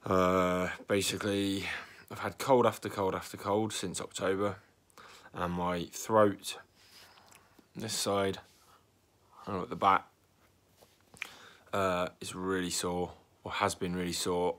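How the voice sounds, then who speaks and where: A young vlogger with a fairly low yet fairly bright voice rambles anxiously through his worries in a casual video. A cold leaves him congested and slightly raspy, so he clears his throat now and then, though his tone stays steady and unhurried.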